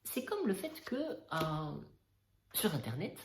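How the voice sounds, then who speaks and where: A man's voice: sits high, wildly swooping pitch, takes it slowly, echoey room, noisy background. A man who is an NLP coach, talking in a casual comic monologue, joking and self-mocking. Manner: joking, self-mocking, lots of fillers and restarts.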